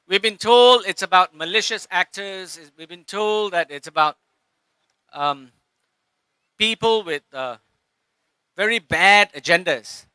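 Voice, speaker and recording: A Singaporean man giving an impassioned public speech at a rally, with halting pauses and restarts. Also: sits high, pushed and bright, clear, resonant tone, dry recording.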